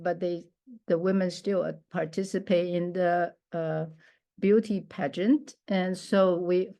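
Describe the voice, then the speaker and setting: Speaking English in a low, mellow voice, a middle-aged Taiwanese woman who is a minister shares a personal testimony. Her delivery is slow and halting, full of pauses, fillers and restarts.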